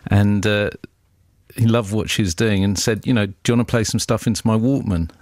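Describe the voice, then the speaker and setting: A man's voice: fairly low pitch, fairly even intonation, brisk, a little mellow, dry recording, studio quality. A man, a record label boss, telling stories as a guest in a radio interview, often laughing. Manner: chatty storyteller, laughs often.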